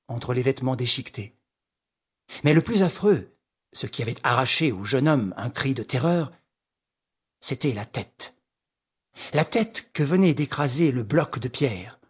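A man narrating an audiobook in a measured, dramatic reading. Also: medium pitch, breathy edge. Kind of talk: scripted narration.

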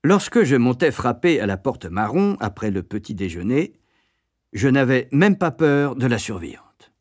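A man reads a memoir aloud with an animated, lively voice that rises and falls widely. His tone sits at a medium pitch. The recording is dry and close. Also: normal speed, no room sound. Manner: expressive, lively storytelling. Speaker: narrator. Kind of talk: audiobook narration of a memoir.

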